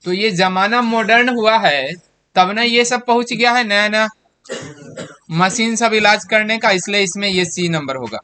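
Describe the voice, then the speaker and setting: A man's voice: high voice, a little slow, sharp tone, smooth. A man, teaching a class and walking students through exam answers by asking them questions. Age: 30s. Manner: explains step by step, quizzing students with questions.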